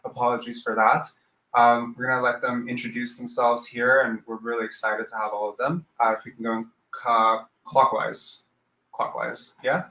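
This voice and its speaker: An upbeat man moderates a live festival panel, his bright, forceful voice carrying across a roomy, echoing space. He keeps things moving with plenty of enthusiasm. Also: medium pitch, flat delivery, normal speed. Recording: roomy echo.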